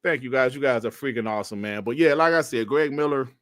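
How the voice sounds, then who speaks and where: 40s dude on a stream reading chat, bright punchy voice, laughs a lot, dry sound. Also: male voice, mid-range voice, fast talker, no room sound. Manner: loud, laughing, slangy banter with chat. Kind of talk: casual livestream chat.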